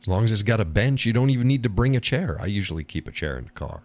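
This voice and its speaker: A low-pitched man talks casually on his own live stream. He is blunt and rambling, curses freely, laughs between remarks, and jumps up high to mimic other people. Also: lively intonation, quick pace, a little mellow.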